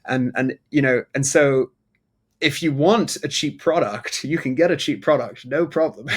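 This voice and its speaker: A man's voice: mid-range voice, vocal fry. Chatty British-accented man, video-call guest. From Hong Kong. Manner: chatty, laughs often, many fillers and restarts. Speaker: guest, sourcing company co-founder. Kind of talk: conversational interview answers.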